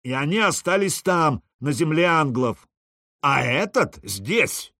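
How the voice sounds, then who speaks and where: A man voicing a hot-tempered balding Viking jarl in an audiobook, bellowing his indignant shouts. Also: fairly high pitch, sing-song, slow, no room sound, studio quality, voice pushed up, heavily acted.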